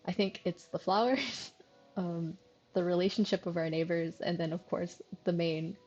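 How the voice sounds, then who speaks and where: A woman's voice: on the low side, steady tone, normal speed, darkish tone, breathy edge, lo-fi sound, faint music behind. A woman streaming a visual novel, chatting casually and giggling, with lots of fillers.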